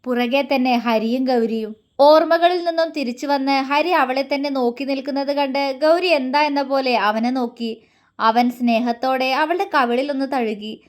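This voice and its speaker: A woman storyteller narrating a dramatic romantic story in an emotive, expressive reading. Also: high-pitched, moderate pace.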